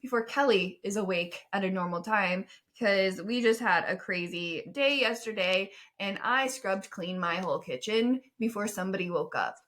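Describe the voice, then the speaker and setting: A woman's voice: mid-range voice, normal speed, hardly any pauses, a bit bright. A woman in her forties co-hosting a casual podcast chat, rambling and self-deprecating, laughing often. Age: 40s. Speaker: podcast co-host.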